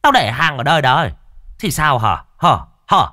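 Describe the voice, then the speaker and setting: A man voicing a brash male market corn seller who shouts and taunts. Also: fairly high pitch, sing-song, moderate pace, dry recording, studio quality, pitched above the performer's own voice, full character voice. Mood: taunting.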